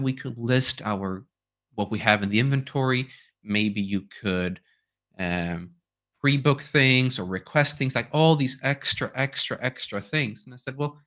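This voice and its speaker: A man's voice: medium pitch, sharp tone. A man from Sweden, a native Swedish speaker, giving a conversational webinar talk and telling anecdotes, often checking in with "right?". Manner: conversational, tells anecdotes, tags questions with "right?". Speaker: guest speaker on domains. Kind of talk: webinar presentation.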